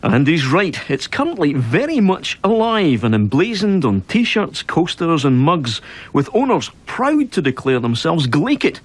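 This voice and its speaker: A man with a Scottish accent presents on radio in a strikingly lively, swooping delivery. His voice is husky, and he reports and questions with a challenging edge. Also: fairly high pitch, measured pace. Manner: animated, challenging. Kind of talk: scripted radio narration and interviewing.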